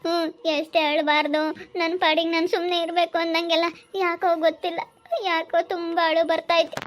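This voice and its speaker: A meek, ailing aunt speaks in a soft, tearful voice, slow and quiet, as a woman plays her. The voice sits very high. It comes from a homemade village family drama. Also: flat delivery. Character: sick tearful middle-aged aunt, meek. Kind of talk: amateur family drama acting.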